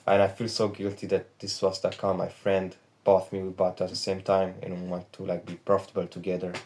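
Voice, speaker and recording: A man's voice: low voice, monotone, brisk, a little mellow, a little hiss or hum. An 18-year-old man from Romania with a Romanian accent, talking in a candid, rambling and profane confessional vlog from his bedroom into a phone camera. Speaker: trading vlogger. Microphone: phone back camera.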